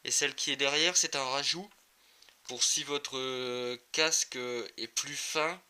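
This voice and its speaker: A motorcycle gear video reviewer walks through a product casually and without a script, hesitating somewhat. He speaks a little slowly in a steady, medium-pitched voice that is bright and forceful, on a clearly noisy amateur recording.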